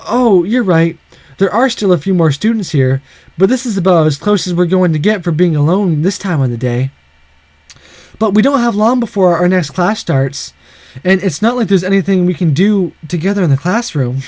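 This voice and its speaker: A man's voice: high-pitched, expressive, normal speed, darkish tone, dry recording. A man reading a sweet schoolgirl girlfriend. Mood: gentle.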